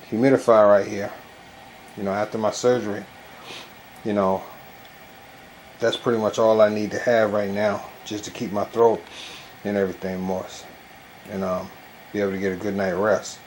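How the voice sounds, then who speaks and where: A man talking casually and haltingly in a home product review, with a stuffy nose as if packed with gauze. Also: fairly low pitch, little pitch movement, darkish tone. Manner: loose, colloquial, halting with frequent verbal tics. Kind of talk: casual rambling video review. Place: bedroom at home. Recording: noisy home recording, clear background noise.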